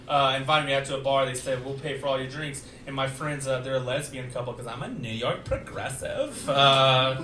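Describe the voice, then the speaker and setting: A young man from Houston performing a stand-up comedy set, rambling loosely and acting out dialogue with big jumps in loudness. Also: fairly high pitch, slight background noise. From Houston, Texas. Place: comedy club stage with live audience. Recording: roomy club sound, mic heard from a distance, crowd laughter.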